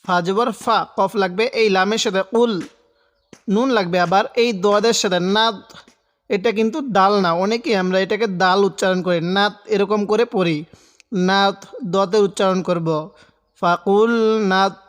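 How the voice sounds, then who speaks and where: A man teaching Quran reading, spelling out syllables and drawing them out slowly when reciting, with patient step-by-step explanations. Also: high-pitched, steady tone, big-room sound.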